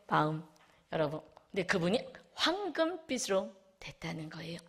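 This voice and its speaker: A woman pastor delivers a Sunday sermon with a highly animated voice that swoops up and down. She presses her points hard, then drops into quiet, hushed asides before rising again. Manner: emphatic, swinging from loud exclamations to soft hushed asides.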